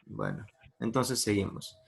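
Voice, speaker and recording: A low, gravelly male voice with an Ecuadorian accent, teaching a class over a video call. He explains patiently, stopping for examples and asking his students whether they follow. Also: huge pitch swings, measured pace. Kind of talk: online class lecture.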